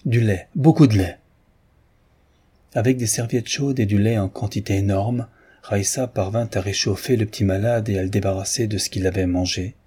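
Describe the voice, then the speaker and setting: A man narrating a classic novel in a measured, even reading style. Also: fairly low pitch, husky. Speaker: audiobook narrator. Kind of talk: literary narration.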